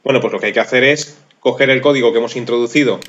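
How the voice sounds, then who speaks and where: A man's voice: medium pitch, racing, fairly bright tone. Man, methodical screencast tutorial, thinks aloud, slightly dull lo-fi recording. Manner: methodical, thinks aloud, self-deprecating about his typing. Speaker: programming course instructor.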